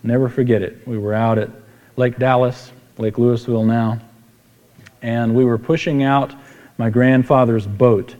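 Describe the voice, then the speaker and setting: A man's voice: mid-range voice, steady tone, a little slow, a little mellow, lo-fi sound. A middle-aged man preaching a sermon with personal storytelling, in a folksy, conversational way, repeating phrases for emphasis. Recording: reverberant hall.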